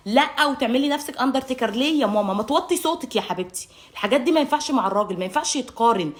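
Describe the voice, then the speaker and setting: A woman with an Egyptian accent giving marriage advice straight to camera, brisk and emphatic, scolding while calling the viewer darling. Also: sits high. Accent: Egyptian Arabic. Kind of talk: direct-to-camera advice monologue.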